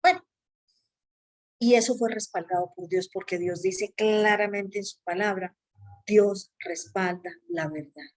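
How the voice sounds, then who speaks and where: A woman giving an earnest personal faith testimony, acting out her own remembered thoughts with sudden jumps in pitch. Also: steady tone, measured pace, darkish tone, rough recording.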